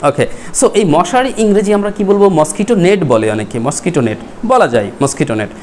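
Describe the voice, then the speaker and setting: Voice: mid-range voice, big pitch swings, fast talker, darkish tone, a little hiss or hum. A teacher from Bangladesh, giving a classroom vocabulary lesson, spelling words out letter by letter and quizzing students.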